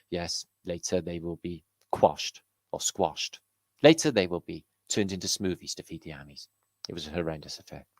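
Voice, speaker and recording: A man's voice: low voice, darkish tone, dry recording. A man with a British accent improvising a rambling, absurd comic voiceover and slipping in and out of silly voices. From United Kingdom. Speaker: video commentator.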